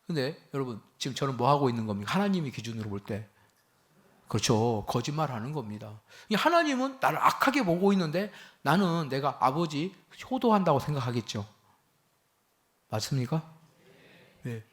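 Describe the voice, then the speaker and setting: A man's voice: mid-range voice, very animated, moderate pace. A man preaching a sermon to a congregation. He keeps asking them questions and acts out quoted speech in a raised voice. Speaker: pastor. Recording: church hall with a microphone.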